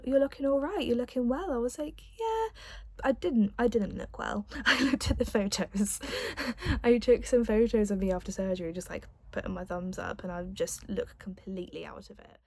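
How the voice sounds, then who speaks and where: A woman's voice: medium pitch, creaky, darkish tone, no echo. A young adult woman telling a personal story in a casual, chatty vlog style, with the odd light giggle. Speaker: vlogger.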